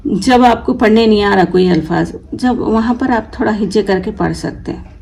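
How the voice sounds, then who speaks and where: A woman's voice: mid-range voice, normal speed, vocal fry, darkish tone, low-quality recording. A woman teaching a reading lesson, who patiently sounds out letters and asks questions that she then answers herself. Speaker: Urdu teacher.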